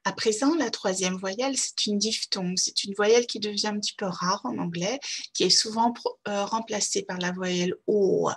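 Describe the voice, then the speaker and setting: A woman's voice: medium pitch, moderate pace, breathy edge. A woman pronunciation teacher, speaking in a patient, carefully articulated way as she repeats model words. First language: French.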